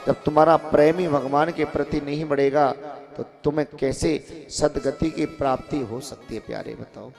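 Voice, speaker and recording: A man's voice: fairly high pitch, moderate pace, vocal fry, faint music behind. Hindi preacher man telling a katha. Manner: animated, questions the audience often, calls out to listeners. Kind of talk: devotional katha sermon. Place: ashram hall with a seated audience.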